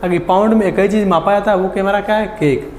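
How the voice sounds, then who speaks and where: A man teaching a lesson, asking questions and answering them himself, repeating key words slowly. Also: high voice, steady tone, darkish tone. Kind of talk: classroom lecture. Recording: echoey hall.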